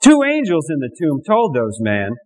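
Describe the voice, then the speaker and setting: A man's voice: fairly high pitch, huge pitch swings, moderate pace. A man voicing a jokey male duck puppet in a church children's message, playful and wisecracking. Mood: storytelling.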